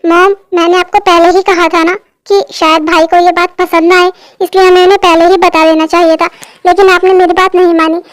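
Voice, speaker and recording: A woman's voice: very high-pitched, level tone, fairly quick, dry recording. A woman voicing an anxious young woman of the family who frets and complains, in an amateur fan dub. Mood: worried.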